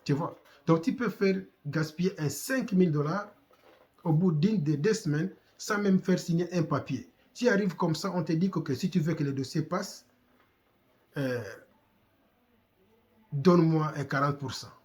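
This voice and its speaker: A man's voice: fairly high pitch, normal speed, darkish tone. Congolese man exhorting in heated commentary. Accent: Congolese French. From Democratic Republic of the Congo. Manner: exhorting, rhetorical questions, repeats himself. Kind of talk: impassioned commentary.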